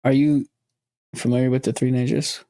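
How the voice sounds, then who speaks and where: A man's voice: mid-range voice, level tone, normal speed, warm tone, dry recording. Casual joking podcast guy, middle voice, swears a lot, dry close mic. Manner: loose, profane, joking. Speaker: podcast host. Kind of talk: casual chat.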